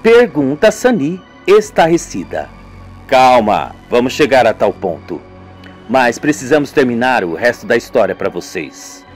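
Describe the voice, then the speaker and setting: Voicing every part himself, a man with a Brazilian accent theatrically narrates a scripted amateur radio serial over background music. His medium-pitched voice is very animated and unhurried.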